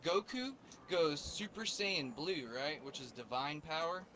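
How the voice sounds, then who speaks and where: A man's voice: on the high side, expressive, measured pace, bright, forceful tone, slight background noise. A young man chatting casually with a friend in rambling, slangy, profane talk. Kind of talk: casual chat.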